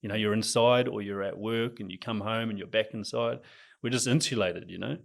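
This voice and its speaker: Gravelly New Zealand man, relaxed guest. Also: fairly low pitch, fairly quick. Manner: relaxed, enthusiastic about nature. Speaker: guest, training coach. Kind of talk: casual interview chat.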